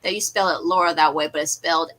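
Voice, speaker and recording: Bright-voiced chatty woman livestream host. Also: low-pitched, fast talker, poor audio. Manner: animated, laughs often, chatty. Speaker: watch party host. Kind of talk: casual group chat on a livestream.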